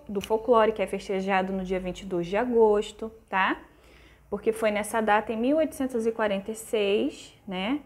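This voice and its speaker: A Brazilian woman teacher reading from a textbook and patiently walking pupils through grammar exercises, often checking with "tá?". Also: on the high side. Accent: Brazilian Portuguese. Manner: patient, explanatory, frequent "tá?" checks; reads textbook aloud and walks through exercises. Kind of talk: recorded class lesson.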